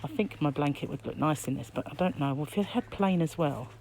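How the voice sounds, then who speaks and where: In a shop aisle, a middle-aged British crochet vlogger chats briskly, musing aloud in a low, mellow voice muffled by a face mask. She records this casual shopping vlog on a handheld phone held behind the camera. Shop ambience and background noise fill the recording.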